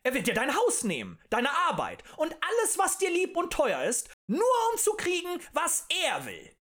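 A man voicing a fiery male demagogue who rants and shouts at a tavern crowd in an audiobook. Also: very high voice, wildly swooping pitch, moderate pace, pitched above the performer's own voice, exaggerated voice. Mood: ranting. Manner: ranting, shouting, rhetorical and accusing.

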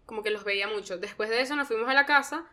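A young Venezuelan woman speaks as a guest on a casual podcast, her voice high and sharply bright. She talks in an animated, slangy way and breaks into laughter often. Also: very fast.

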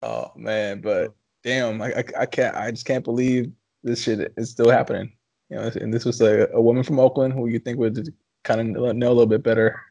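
A man's voice: mid-range voice, fairly quick, dry recording, muffled recording. A man hosting a casual podcast, chatting loosely with his co-hosts and wrapping up the episode. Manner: relaxed, wraps up the show. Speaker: podcast host.

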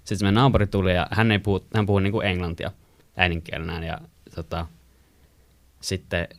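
A young man from Finland casually telling a long story to friends, rambling with many fillers and getting animated when he quotes people. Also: low voice, dry recording.

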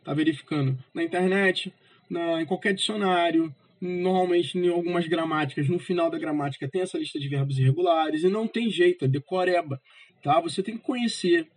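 Husky teacher, "tá?" after each point. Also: male voice, a little high, fairly quick, poor audio. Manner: casual, repeats "tá?" as a check after nearly every phrase; spells out letters and exaggerates syllable stress on English example words. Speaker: English teacher. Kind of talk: recorded grammar lesson.

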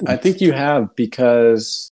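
A man's voice: mid-range voice, lively intonation, takes it slowly, a little mellow. A young adult man hosting a casual podcast, chatty, chuckling and steering the conversation. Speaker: podcast host.

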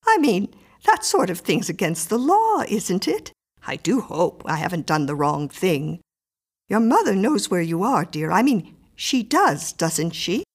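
A woman's voice: medium pitch, sing-song, a little slow, breathy edge, exaggerated voice. A woman voicing a timid widow in her sixties who chatters nervously and apologetically. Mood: nervous gaiety. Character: timid, fussy widow of sixty-one.

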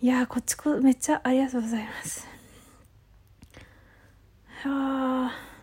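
A young woman with a high voice hosts a casual solo audio talk. She is excitable and flustered, keeps apologizing, and laughs at herself. Her speech is blunt and boyish. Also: moderate pace, breathy edge. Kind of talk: casual solo chat, reading a listener letter.

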